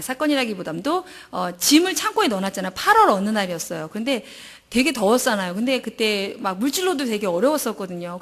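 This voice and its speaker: A high-pitched middle-aged woman gives an emotional church testimony. Her voice leaps up and down as she tells the story, and she dramatizes her own prayers. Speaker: pastor's wife giving testimony.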